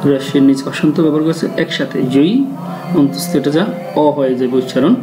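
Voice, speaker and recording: A man teaching Sanskrit pronunciation. He explains each word and chants the verse slowly. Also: on the high side, fairly even intonation. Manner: slow, deliberate chanting of verse. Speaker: teacher of Gita recitation. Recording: dull lo-fi sound with faint music.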